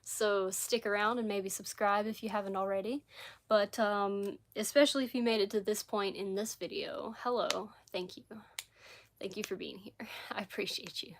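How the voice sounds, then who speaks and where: A woman's voice: medium pitch, steady tone, normal speed. A woman with a scratchy voice chatting casually on a livestream from her living room, rambling with lots of fillers. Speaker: crochet livestreamer. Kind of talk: casual live chat.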